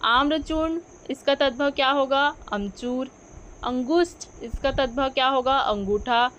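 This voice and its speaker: A woman's voice: high voice, measured pace, fairly bright tone. A woman teaching a grammar lesson, asking questions and answering them herself, correcting her own slips as she goes.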